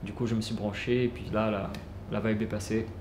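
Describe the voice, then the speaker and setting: A man telling his life story casually, unhurried, with many fillers and restarts. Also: fairly low pitch, level tone. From French Guiana. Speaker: musician. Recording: roomy with clear background noise.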